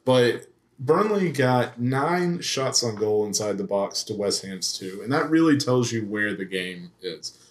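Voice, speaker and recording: A man's voice: mid-range voice, animated, a little slow. A man on a casual sports podcast, breaking down the match with stats. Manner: analytical, stat-driven. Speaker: podcast co-host. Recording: echoey room.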